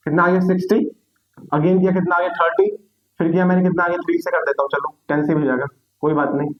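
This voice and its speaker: A man's voice: fairly high pitch, muffled recording. A young adult man teaching a maths lesson online, repeating questions and answers and calling students "beta".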